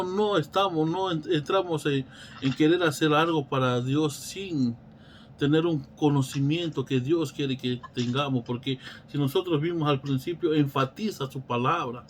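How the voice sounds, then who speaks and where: A man's voice: fairly high pitch, measured pace, a little hiss or hum. A man teaching a Bible study in a preacherly way, asking rhetorical questions and often restarting his phrases.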